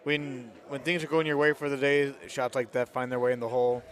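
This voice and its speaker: A man's voice: medium pitch, steady tone, quick pace. A man giving casual live golf commentary, talking conversationally through a tournament shot by shot.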